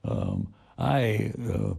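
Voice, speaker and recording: A very old man of over a hundred from British India, with a gravelly, husky voice, reminiscing haltingly in an interview. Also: lowish voice, wildly swooping pitch, a little mellow. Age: 104. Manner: halting, with repeated words. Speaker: Second World War veteran interviewee.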